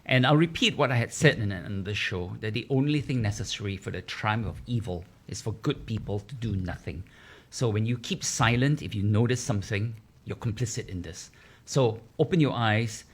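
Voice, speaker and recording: A man's voice: lowish voice, moderate pace, slightly rough. A man speaking as a talk show panelist, giving earnest commentary and urging listeners on. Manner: earnest, exhorting.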